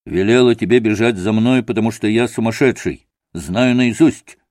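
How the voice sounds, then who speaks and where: A man's voice: lowish voice, big pitch swings, unhurried, a little mellow, dry recording, studio quality. A man reading an audiobook, voicing an irritable, feverish young man who speaks curtly and sardonically. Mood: bitter. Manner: curt and sardonic.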